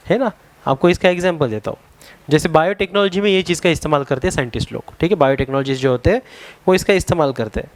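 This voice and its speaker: A man with an Indian accent teaching a science lesson to a class, mixing two languages, pausing to search for words. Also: a little high, no echo. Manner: explains in a Hindi and English mix, spells words out; halting, searches for words with many fillers.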